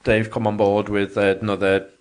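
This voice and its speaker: A man's voice: fairly low pitch, completely flat delivery, normal speed, smooth. A man co-hosting a podcast in loose casual chat, in an echoey empty room. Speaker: podcast co-host. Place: empty spare room indoors.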